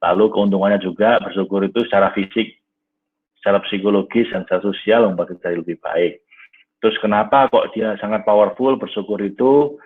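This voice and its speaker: A low, husky-voiced man teaches a live online class over tinny, phone-like audio, speaking briskly and taking questions from listeners. He lectures in a warm, conversational way, often saying "Nah" and addressing "Bapak Ibu".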